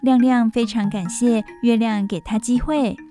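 A woman radio host reading a bedtime story for children, expressive, with asides to listeners. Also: fairly high pitch, a little slow, over music. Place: radio studio.

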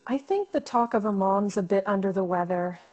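A woman's voice: mid-range voice, brisk, darkish tone, no echo, muffled recording. A woman giving short, plain scripted answers in a dialogue drill. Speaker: example speaker in a dialogue drill.

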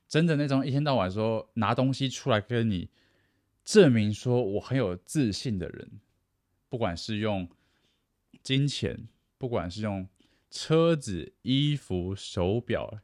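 A man's voice: on the low side, darkish tone, no room sound, clean studio sound. A man giving casual advice, chatty, acting out boastful people and laughing at himself. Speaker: self-help speaker.

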